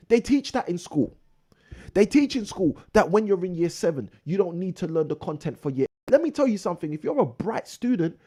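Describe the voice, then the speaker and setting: A man with a high, warm voice hosts a live show about property investing. He delivers a preachy motivational monologue, repeating phrases for emphasis.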